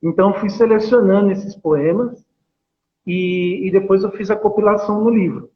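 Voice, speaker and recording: Over a tinny, phone-like video call with a little hiss or hum, a Paulistano poet from São Paulo, Brazil, gives a relaxed, unscripted interview. He speaks Brazilian Portuguese in a fairly high voice, hesitating often and filling his talk with fillers and tag questions.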